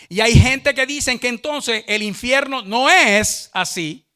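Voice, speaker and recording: A male pastor preaching a sermon emphatically, often addressing listeners as brother and stretching key words. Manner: emphatic, repeats "hermano", drawn-out stresses, big swings in pitch and loudness.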